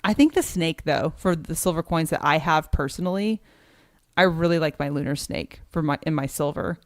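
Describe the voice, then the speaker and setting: Woman, livestream co-host, smooth voice, friendly chatter, dry close mic. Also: sits low, moderate pace, dry recording. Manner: chatty, thanks viewers, reads donations aloud. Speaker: co-host of a precious metals livestream. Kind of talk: casual livestream chat.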